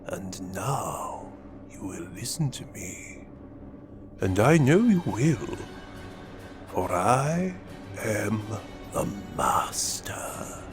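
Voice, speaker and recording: A man's voice: fairly low pitch, big pitch swings, music in the background, full character voice. A man playing a menacing, gloating villain mastermind in a fan audio drama monologue, with a sneering, theatrical delivery. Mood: taunting menace. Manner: theatrical, sneering, drawn-out delivery swinging between whispers and outbursts.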